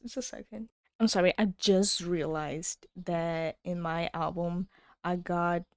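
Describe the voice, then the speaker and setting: A young woman hosting a reaction video, gushing and excitable as she comments casually. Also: lowish voice, dry recording, clean studio sound. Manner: gushing, excitable, talks over music.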